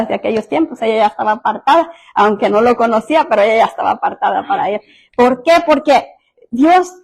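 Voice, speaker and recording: A woman's voice: sits high, vocal fry. A middle-aged woman pastor preaching a sermon, telling homely personal stories and turning to the listeners with frequent asides. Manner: warm storytelling, addresses listeners directly with asides like "mire" and "¿verdad?".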